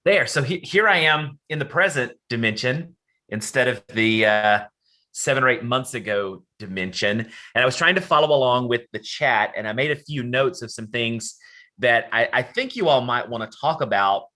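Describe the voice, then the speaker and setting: A man's voice: mid-range voice, animated, moderate pace, pushed and bright. A man with a Southern Appalachian accent giving an informal online talk, discursive, mixing folksy and academic phrasing. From Southern Appalachia, United States. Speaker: academic presenter, college dean. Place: at home, on a video call.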